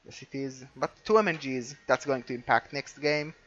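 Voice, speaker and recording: Relaxed man on a dull lo-fi line. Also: mid-range voice, normal speed. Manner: relaxed, chatty, analytical. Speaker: co-host. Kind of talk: casual game recap chat. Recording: dull lo-fi audio.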